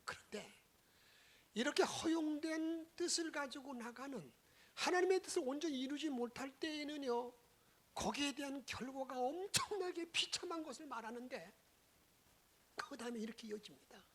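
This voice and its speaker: A woman's voice: sits high, normal speed. A woman pastor giving a Sunday sermon, telling the story dramatically, acting out the lines and dropping into whispers.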